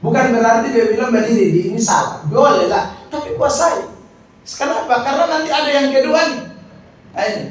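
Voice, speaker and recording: A man, a pastor teaching how to preach, animated and joking as he acts out examples. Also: very high voice, brisk. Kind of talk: lively teaching talk to an audience. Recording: echoey room, faint background ambience.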